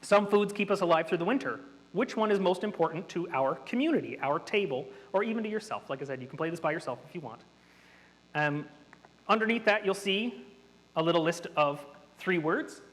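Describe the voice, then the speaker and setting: Speaking a little fast with lively intonation, a high-voiced, slightly bright presenter leads a hands-on workshop before an audience. He chats nerdily through his explanations as his voice echoes around the hall.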